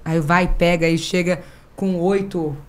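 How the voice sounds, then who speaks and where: A woman with a Brazilian accent, a podcast guest who tells stories in a lively way and acts out the dialogue with laughter. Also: on the low side, unhurried, a crowd in the background. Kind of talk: casual chat.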